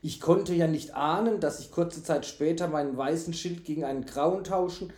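A man's voice: on the high side, moderate pace, mellow, natural voice. A man voicing an earnest, reflective knight recalling his journey. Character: earnest male envoy knight. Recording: echoey room.

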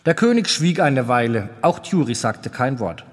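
A man narrating a children's storybook in a calm, even storytelling manner. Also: medium pitch, moderate pace. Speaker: audiobook narrator. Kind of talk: scripted narration. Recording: long reverb.

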